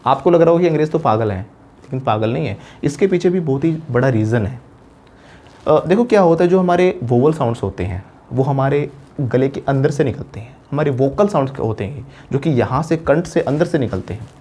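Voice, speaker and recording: Indian man teaching English grammar, mellow. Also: mid-range voice, lively intonation. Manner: explains step by step, asks rhetorical questions, slows for English examples. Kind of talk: classroom-style grammar lesson.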